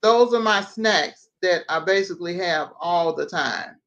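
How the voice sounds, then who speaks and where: A woman's voice: lowish voice, unhurried, fairly bright tone. A woman hosting a casual livestream over a video call, chatty, running through lists of things at an easy pace. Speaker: host. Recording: dull lo-fi stream audio.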